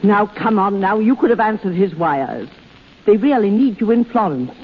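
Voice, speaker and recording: An actress playing a blunt, wisecracking elderly aunt from a gang of swindlers in a 1930s radio drama. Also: female voice, mid-range voice, animated, moderate pace, breathy edge. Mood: brisk, scheming. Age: older. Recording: dull, noisy 1930s radio broadcast.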